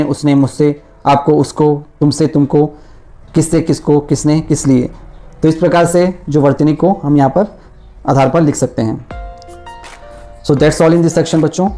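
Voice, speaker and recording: A man's voice: fairly high pitch, warm tone. A male teacher giving a grammar lesson, explaining step by step and repeating each sound and word aloud.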